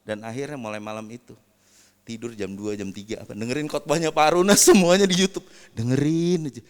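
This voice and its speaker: Animated, slangy pastor in a reverberant hall. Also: male voice, mid-range voice, quick pace, smooth. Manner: animated storyteller, slangy, acts out quotes. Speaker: pastor giving testimony. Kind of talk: casual sermon testimony.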